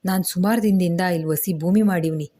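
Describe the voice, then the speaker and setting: A woman reading as a devoted young village man, eager and plain-spoken. He talks in rustic dialect, lifted above a low, mellow reading voice. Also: normal speed, close to an everyday voice. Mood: earnest.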